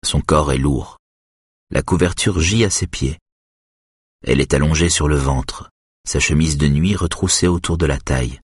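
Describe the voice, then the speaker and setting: A man doing measured, scripted audiobook narration of a thriller. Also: very deep voice, breathy edge, no echo, studio quality.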